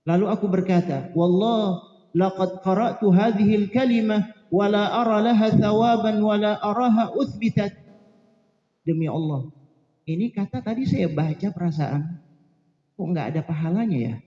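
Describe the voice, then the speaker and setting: A man's voice: high voice, normal speed, dark tone. Preacher man in an echoey hall. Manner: reads Arabic text, then explains it in a casual storytelling way. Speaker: Islamic preacher. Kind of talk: religious study lecture. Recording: echoey, dull lo-fi hall recording.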